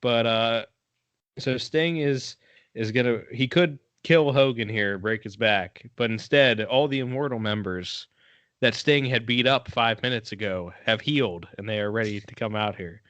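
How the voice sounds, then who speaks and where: A man's voice: mid-range voice, normal speed, fairly bright tone, no echo, lo-fi sound. A man co-hosting a podcast, telling the story in a laid-back, casual way and cursing now and then. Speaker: podcast co-host. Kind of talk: casual chat.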